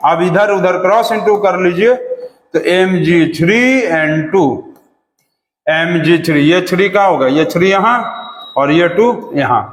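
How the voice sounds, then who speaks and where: Guy teaching chem class, keeps repeating stuff, bit high voice, echoey room. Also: slow, slight background noise. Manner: chatty, repetitive, coaxing students. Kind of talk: chemistry lesson. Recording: echoey room with long reverb.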